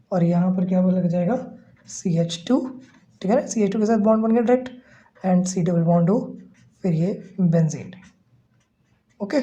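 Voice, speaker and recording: A man lecturing on chemistry with a mellow, soft-edged tone. He walks through each step patiently and keeps checking in with his listeners. The recording sounds a little muffled and lo-fi. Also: high-pitched. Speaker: chemistry teacher. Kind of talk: classroom lecture.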